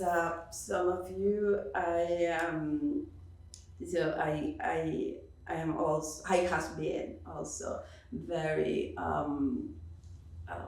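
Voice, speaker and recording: The speaker is a woman born in Cuba, a professor offering impromptu thoughts on an academic panel in a lowish, darkish voice. She's halting, leaning on fillers and restarting sentences, and the distant mic picks up the room's echo.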